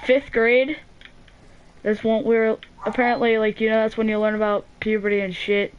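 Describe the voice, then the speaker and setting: A woman's voice: a little high, flat delivery, moderate pace, highs cut off, a little hiss or hum. A teenage girl hosting a gaming channel, telling a story in a rambling, casual way full of "like", restarts and swearing.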